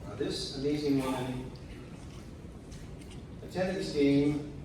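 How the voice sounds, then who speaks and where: Man giving tender eulogy, very echoey hall. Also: fairly high pitch. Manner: measured, tender, with deliberate pauses. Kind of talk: prepared memorial speech. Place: large room at a memorial service. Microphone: picked up from a distance. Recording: very echoey, distant, noisy hall.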